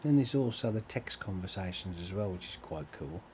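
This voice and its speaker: A man with a fairly low voice rambles in a relaxed way while he plays, full of ums and offhand swearing. A steady noise hums under his talk throughout the recording. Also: moderate pace. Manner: meandering, swears casually, many fillers. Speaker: gaming channel host. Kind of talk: rambling chat over gameplay.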